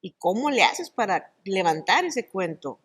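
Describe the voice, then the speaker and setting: Middle-aged woman, animated storyteller, lively interview talk. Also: mid-range voice, unhurried, slightly rough. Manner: animated, expressive storytelling with many restarts. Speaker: guest, actress and oral storyteller. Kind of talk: conversational interview.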